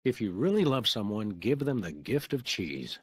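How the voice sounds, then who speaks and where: A man playing a wry, unflappable detective hero in a video game, with a dry, wordy, deadpan manner. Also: lowish voice, moderate pace, husky, no echo.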